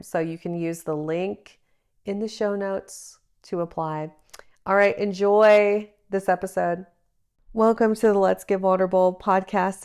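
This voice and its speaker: A woman in her thirties hosts a solo advice podcast, sounding a little congested from a cold as she speaks earnestly and encouragingly. She's recording on a travel microphone rather than her usual one, and her lowish voice is smooth and a little mellow, with vocal fry.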